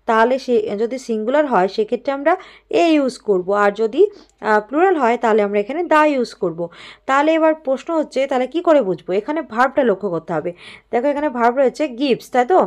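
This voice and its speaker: A woman teaches an exam-prep grammar lesson in a fairly high voice. She explains each answer step by step and reads the example sentences out slowly.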